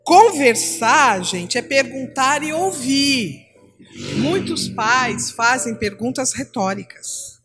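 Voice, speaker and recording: A middle-aged Brazilian woman teaching at church, telling classroom stories and acting out the dialogue in a lively way. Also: sits high, slow, music in the background. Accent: Brazilian Portuguese. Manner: animated storytelling, acting out dialogue.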